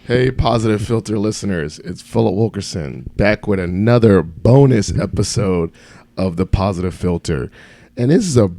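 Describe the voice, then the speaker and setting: A man's voice: lowish voice, moderate pace, creaky, warm tone. A man chatting casually as a playful podcast host, who pronounces his th sounds as f.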